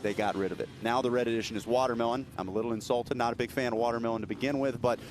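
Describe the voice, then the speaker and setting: A man's voice: mid-range voice, fairly even intonation. A young man doing live race commentary from an announcers booth, chatty and joking. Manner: chatty, joking, fast-talking. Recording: noisy outdoor race broadcast.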